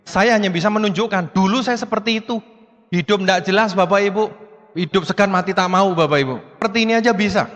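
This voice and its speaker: High-voiced guy giving an animated motivational speech, talking straight to the crowd, echoey hall. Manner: animated, repeatedly addresses the audience as "Bapak Ibu". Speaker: motivational speaker. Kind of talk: motivational seminar talk. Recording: long hall reverb.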